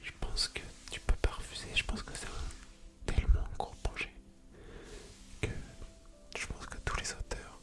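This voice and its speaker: A woman hosting ASMR in a soft, unvoiced library whisper, reading aloud and commenting casually. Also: a little slow, long pauses. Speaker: ASMR video creator and host.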